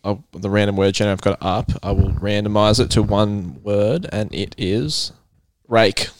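A man with an Australian accent hosting a podcast in casual chat, with a somewhat halting delivery. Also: on the low side, steady tone, dry recording. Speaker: podcast host.

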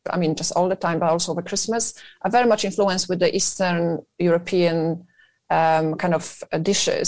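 Here a business founder from Poland, speaking with a Polish accent, chats expansively as a radio interview guest, peppering her thoughts with "you know". Her voice sits on the low side and is a little mellow, recorded without any echo.

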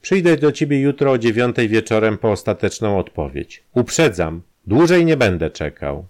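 A man voicing a brash safecracker who blackmails an old acquaintance, talking in a loud, taunting, pushy way. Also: fairly low pitch, very animated, moderate pace, pitched above the performer's own voice.

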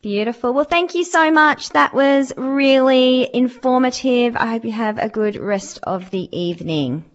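A woman's voice: on the high side, measured pace, hardly any pauses. Australian woman, radio host, bubbly, chatty, muffled lo-fi broadcast audio. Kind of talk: casual radio chat.

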